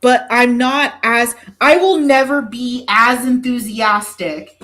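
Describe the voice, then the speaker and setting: A woman's voice: a little high, takes it slowly, a bit bright. A woman hosting a podcast in casual chat, swearing freely and poking fun at herself with dramatic exaggeration. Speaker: podcast host.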